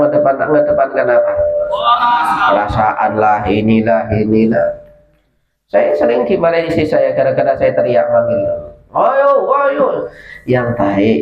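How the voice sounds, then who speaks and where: A man teaching a kitab study lesson at a boarding school, explaining an Arabic text line by line with lively asides. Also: mid-range voice. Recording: echoey room, dull lo-fi sound, faint room hum.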